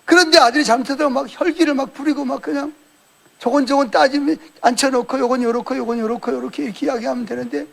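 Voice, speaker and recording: A male pastor with an unusually high voice that is gravelly and husky delivers a sermon. He tells it like a story, in an everyday conversational tone. He acts out the lines people say as he retells the events. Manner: colloquial storytelling, animated retelling with quoted dialogue.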